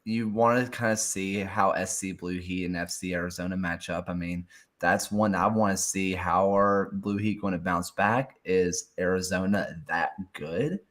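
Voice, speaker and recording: A man's voice: low voice, fairly even intonation, normal speed, a bit bright. A man co-hosting a soccer show in casual chat, hesitant, often trailing off and restarting his thoughts.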